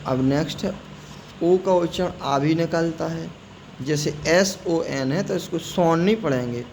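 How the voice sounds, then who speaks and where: A man teaching English pronunciation, slowly spelling out words letter by letter and repeating them. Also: a little high, gravelly, a little mellow, slight background noise, rough recording. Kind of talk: spoken classroom-style lesson.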